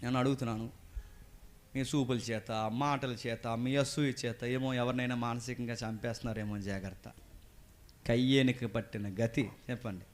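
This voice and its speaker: A man preaching a sermon as pastor, fervent, swinging from loud outbursts to low asides and questioning the congregation. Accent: Telugu.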